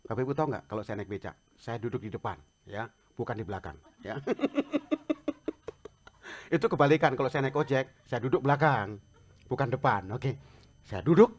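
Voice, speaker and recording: A man preaching a sermon as pastor, telling humorous personal stories in an animated way. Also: medium pitch, fairly quick.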